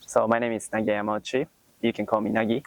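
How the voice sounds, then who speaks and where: A man's voice: fairly low pitch, level tone, quick pace, gravelly, dry recording, poor audio. A man in his twenties with a Japanese accent, a university student answering interview questions in English, his second language, with frequent "like" and "um". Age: 20s. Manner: hesitant, many fillers like "like" and "um".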